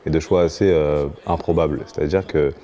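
A man's voice: rumbling low, steady tone, brisk, warm tone. A man interviewing a guest, asking long, winding questions with many restarts.

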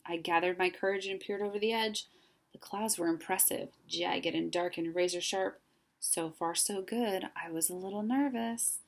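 Woman storyteller for a children's book; lowish, slightly gravelly, expressive. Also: moderate pace. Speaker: reader. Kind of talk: children's story read-aloud.

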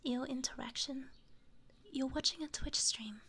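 A woman's voice: sits high, measured pace, fairly bright tone, breathy edge. A woman live streamer whispering in a casual ASMR stream, thanking viewers by name.

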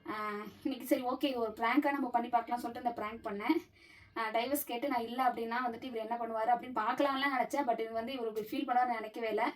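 A woman vlogger with a Tamil Nadu accent talks to her viewers in a quick, chatty way. Her voice sits high and moves along fast. She is picked up from some distance away from the mic. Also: fairly even intonation. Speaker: vlogger pulling a prank on her husband. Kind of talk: casual home vlog talk to viewers. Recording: voice heard from a distance.

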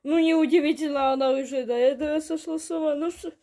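A woman's voice: high-pitched, steady tone, fast talker, mellow. A young woman hosting a reaction video, chatty and exclamatory, sometimes dropping to a whisper. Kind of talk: casual reaction commentary.

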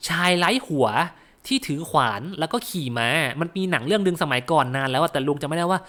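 A man with a Thai accent talks through game concept art in an easy, chatty way, correcting himself as he goes. His voice sits a little higher than most men's. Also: fast, a bit bright. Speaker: gaming channel host. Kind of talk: casual live commentary on game concept art.

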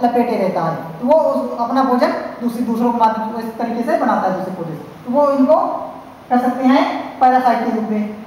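A woman's voice: a little high, expressive, brisk, warm tone. A woman teacher with a Hindi-speaking North Indian accent giving a classroom science lecture, explaining with many repeated fillers and restarts. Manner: repetitive, filler-heavy explaining with frequent restarts. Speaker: college teacher. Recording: very echoey hall, faint hiss.

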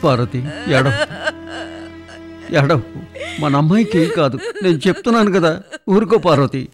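An actor playing a worried middle-aged father who pleads with his crying wife to calm down. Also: moderate pace, music in the background, natural voice. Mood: pleading. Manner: pleading, soothing, lively pitch.

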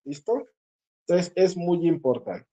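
This is a singing teacher guiding a group lesson, explaining step by step and often pausing to check that everyone follows. The voice sounds mellow and of middling pitch. The recording comes across dull and muffled. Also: sing-song. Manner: patient, repeats points and checks in with listeners.

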